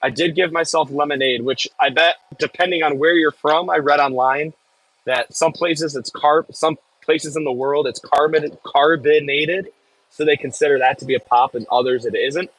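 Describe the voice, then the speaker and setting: This Michigan-accented livestream host, from the US Midwest, rambles casually while answering messages from his chat. His voice is on the high side and fairly bright, with a steady tone and moderate pace, captured in a dry, rough recording.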